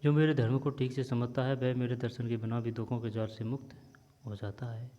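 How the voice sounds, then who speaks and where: A man reading a textbook story aloud as a teacher, pausing now and then to explain words. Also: medium pitch, little pitch movement, dark tone. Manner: reads steadily, pauses to explain words. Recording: dull lo-fi sound with long reverb.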